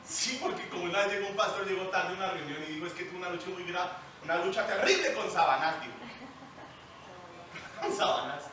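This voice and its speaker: A man preaching a lively, joking sermon, asking the congregation questions. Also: sits high, fairly quick, a little hiss or hum. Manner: jokey, animated, asks the congregation questions. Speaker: pastor. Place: church hall. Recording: echoey church hall, mic at a distance.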